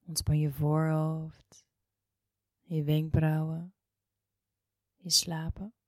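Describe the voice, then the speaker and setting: A woman guiding a relaxation meditation in a soft, hushed, near-whispered voice, soothing and unhurried, with long pauses. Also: low voice, little pitch movement, no echo, studio quality. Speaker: yoga and meditation guide.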